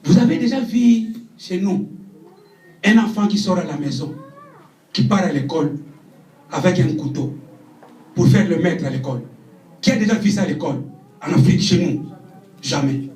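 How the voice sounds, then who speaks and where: Preacher, shouting hard, far from the mic in a big echoey church. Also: male voice, expressive, moderate pace, long pauses. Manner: shouting, impassioned, drops low for asides. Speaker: evangelist preacher. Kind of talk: sermon. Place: church hall.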